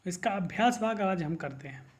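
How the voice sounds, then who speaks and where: A man teaching a Sanskrit lesson to school students, going through the exercises and repeating each word slowly three times so the class can copy it. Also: sits high, animated.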